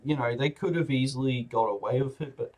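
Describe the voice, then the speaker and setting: Brief: male vlogger, casual film rant, swears a lot, rambles, average pitch. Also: a little fast. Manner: rambling, blunt and profane. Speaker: film reviewer. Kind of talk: casual video review.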